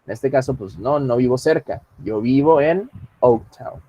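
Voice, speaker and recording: A man teaching English in an online class, explaining calmly and reading English example lines slowly. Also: mid-range voice, highs cut off.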